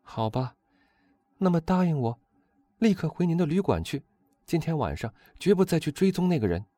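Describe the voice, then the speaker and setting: A frightened noble lady pleads in a high, strained voice, put on by a man reading the story. Her voice swings widely as she begs. The sound is dry and close. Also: big pitch swings, normal speed, mellow, dry recording. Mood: pleading. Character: frightened noble countess, woman, anxious and pleading.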